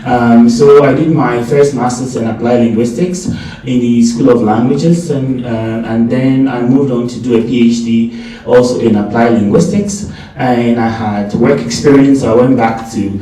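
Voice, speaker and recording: A man's voice: medium pitch, steady tone, normal speed, dark tone. Man from Ghana on a distant panel mic. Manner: repeats and restarts words. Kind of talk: introducing himself on a panel. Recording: echoey lecture theatre from far off.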